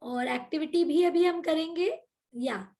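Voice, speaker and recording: High-voiced energetic woman leading a workshop. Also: a little slow. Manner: energetic, coaxing, mixes English into Hindi. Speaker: online workshop host. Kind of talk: motivational group session on video call. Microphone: video call.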